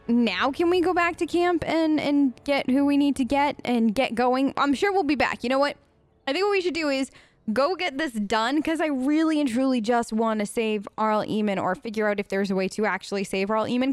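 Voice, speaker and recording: A chatty woman with a high voice provides role-play let's play commentary, answering game characters as though she were one of them. She is a gaming host and player, and the studio-quality recording has no room sound.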